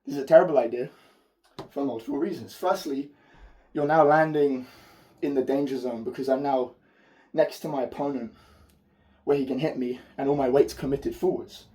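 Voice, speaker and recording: A man with a mellow, hoarse voice that is giving out teaches technique in an informal, explanatory way. He is recorded at some distance from the microphone, as an instructor demonstrating moves. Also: medium pitch, moderate pace. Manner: informal, explanatory, occasional swearing. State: losing his voice, hoarse from a fever. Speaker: martial arts instructor. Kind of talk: spoken technique tutorial with demonstration. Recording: distant mic.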